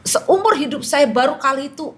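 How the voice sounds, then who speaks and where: A woman's voice: high-pitched, lively intonation, moderate pace, fairly bright tone. A middle-aged woman giving an earnest personal testimony, telling her story and acting out what others said. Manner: earnest, storytelling, quotes others in acted voices. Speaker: guest sharing a personal testimony.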